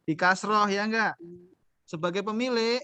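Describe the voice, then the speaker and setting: A man's voice: sits high, moderate pace, pushed and bright, clear, resonant tone, no echo. Patient man teaching beginner Arabic. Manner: patient, coaxing, asks students questions. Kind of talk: online class teaching.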